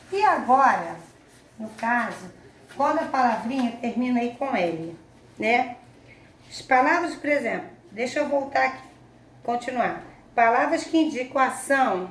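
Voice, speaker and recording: A Brazilian woman teacher with a slightly high voice, talking gently and patiently to small children. She is recorded in an echoey room with a faint hiss behind her. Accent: Brazilian Portuguese. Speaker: primary school teacher. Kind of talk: online Portuguese lesson for children.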